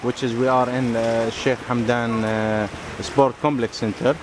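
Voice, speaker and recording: Halting male interviewer, noisy background. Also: mid-range voice, level tone. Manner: halting, lots of uh fillers. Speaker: reporter, interviewer. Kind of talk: interview questions.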